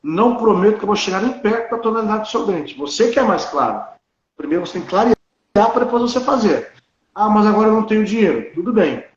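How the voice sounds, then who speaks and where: A man in his late thirties with a fairly high voice talks in a blunt, opinionated way, clearly sure of his views. He is from Brazil and speaks as a working dentist. The sound is dull and lo-fi, in an echoey room. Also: expressive, fast talker. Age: 30s. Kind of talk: casual conversation.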